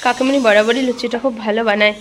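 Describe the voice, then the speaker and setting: A woman's voice: fairly high pitch, steady tone, racing. A young woman from North Bengal, India, chatting and explaining things as she films a home vlog on a handheld phone. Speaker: vlogger. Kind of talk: casual vlog narration. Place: family home in a village during a home puja. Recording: noisy home ambience.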